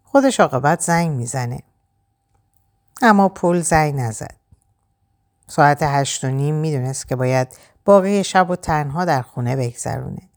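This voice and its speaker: A woman narrating an audiobook, reading the story in a relaxed colloquial spoken register. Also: low voice.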